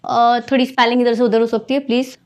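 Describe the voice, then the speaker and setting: A woman's voice: a little high, little pitch movement, fast talker, a little mellow. A woman teaching an exam-prep geography lesson, mixing Hindi and English and explaining patiently with memory tricks.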